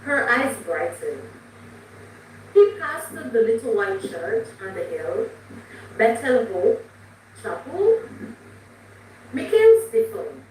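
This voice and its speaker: A woman reading a short inspirational story aloud in a slow, gentle, expressive way on a live stream. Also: on the high side. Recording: echoey room, distant mic, faint noise.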